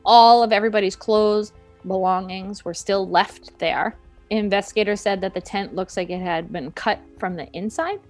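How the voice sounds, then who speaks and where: A woman's voice: mid-range voice, steady tone, normal speed. A young woman co-hosting a podcast, telling a story in a playful, chatty way with jokey asides. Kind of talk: casual storytelling chat. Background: soft background music.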